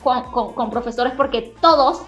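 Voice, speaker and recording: A young Venezuelan woman co-hosting a podcast, chatting casually and loudly, acting out what other people say to her. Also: sits high, moderate pace, soft background music. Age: young adult. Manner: loud, animated storyteller who acts out quotes. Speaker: podcast co-host. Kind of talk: casual chat.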